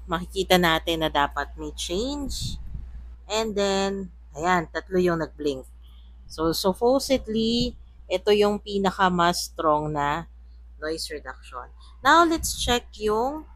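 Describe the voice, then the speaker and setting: With a fairly low-pitched voice and no room sound, a woman with a Filipino accent chats through a casual gadget demonstration as a product reviewer, mixing two languages. The recording is of a noisy room carrying a steady air conditioner or fan hum.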